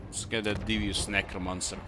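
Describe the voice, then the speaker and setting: A man giving casual strategy game commentary, thinking aloud with hesitant pauses. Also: on the low side, little pitch movement. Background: faint game music.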